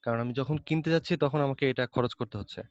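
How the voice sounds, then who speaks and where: A deferential male student in an online class, answering very fast and sprinkling every reply with sir. His voice sits at an ordinary pitch for a man. The audio is roomy and somewhat dull. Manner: deferential, addresses the teacher as sir constantly.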